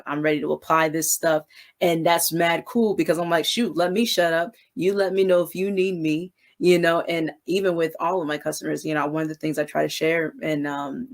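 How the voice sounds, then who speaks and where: A woman mentor giving a casual, high-energy devotional talk on business relationships, often asking "you know what I'm saying". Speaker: faith-based business mentor.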